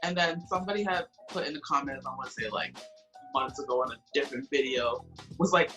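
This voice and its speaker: A woman with an American accent in casual, animated, slangy chat, often saying "like". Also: rumbling low, fast talker, soft background music. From United States, Cambodian family. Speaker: interviewer and social media host.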